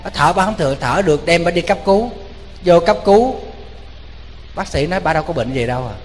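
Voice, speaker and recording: A man with a Southern Vietnamese accent giving a lively, joking sermon as a Buddhist monk, telling stories and speaking straight to his listeners. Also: fairly high pitch, rapid-fire. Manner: lively, joking, addresses the audience directly. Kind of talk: storytelling sermon. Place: temple hall. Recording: long hall reverb with faint noise.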